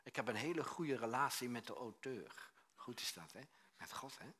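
A male preacher delivers a storytelling sermon with a bright, husky voice. He acts out the voices in his stories, jumping from loud bursts to near-whispered asides. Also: medium pitch, normal speed. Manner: animated storyteller, acts out dialogue, swings from loud to hushed.

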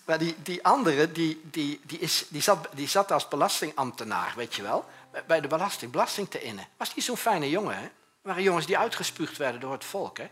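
Male pastor in a church, conversational sermon style, sharp and husky, jumps from urgent to quiet. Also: expressive, a little fast. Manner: swings between loud urgent bursts and quiet, low passages; conversational preaching, often tags on a questioning "hè?".

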